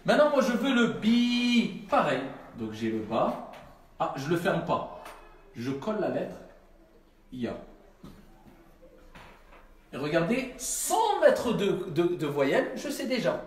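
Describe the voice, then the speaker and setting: High, lively teacher in an echoey room. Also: male voice. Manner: patient, repetitive, keeps checking understanding. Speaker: Arabic teacher. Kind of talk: classroom lesson.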